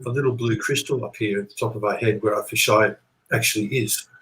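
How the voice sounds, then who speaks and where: A man's voice: on the low side, fairly even intonation, fast talker, a bit bright, a little hiss or hum. A man being interviewed, explaining his ideas in a rambling, earnest, conversational way, often repeating points and checking he is followed. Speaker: interview guest. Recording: echoey, roomy sound.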